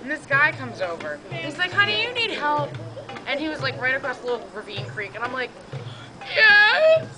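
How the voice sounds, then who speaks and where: Hoarse, profane woman telling camp stories. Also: high voice, quick pace, hardly any pauses, music in the background. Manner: profane, animated, acts out quoted voices. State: hoarse, says she has no voice. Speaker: storyteller at a camping event. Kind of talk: casual storytelling among friends. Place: outdoors at a campsite.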